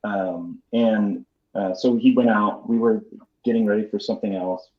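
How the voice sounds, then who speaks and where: A man's voice: on the low side, fairly even intonation, moderate pace. A man who works as a sound recordist, appearing as a guest and telling a story in an easygoing way with fillers. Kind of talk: casual anecdote. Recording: dull lo-fi audio.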